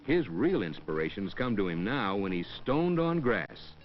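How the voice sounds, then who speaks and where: On a dull old 1960s film soundtrack with music behind him, a man reads educational film narration from a script in a wry storytelling manner, borrowing hip slang. His voice is on the low side and very animated, and he goes a little slowly.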